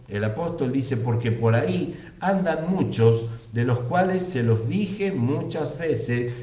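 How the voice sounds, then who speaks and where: Argentine preacher with an emphatic, echoing voice. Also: male voice, mid-range voice, darkish tone. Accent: Argentine Spanish. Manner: emphatic, repeats phrases for stress. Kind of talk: sermon with scripture reading.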